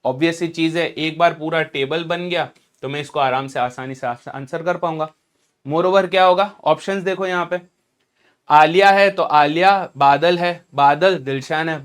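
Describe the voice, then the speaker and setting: A man's voice: on the high side, a bit bright, smooth. A man teaching exam strategy in a casual, emphatic lecture, mixing in English and asking rhetorical questions.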